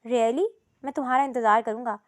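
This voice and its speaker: A woman's voice: fairly high pitch, steady tone, lightly acted. A woman voicing a cheerful, friendly rich young male student who mixes in English words in a storybook reading.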